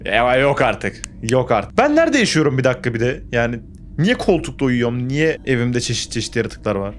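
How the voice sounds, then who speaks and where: A man's voice: medium pitch, very animated, a little fast, faint music behind. A young man playing a horror game, commenting on the action, getting jumpy and swearing back at the game. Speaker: gaming YouTuber.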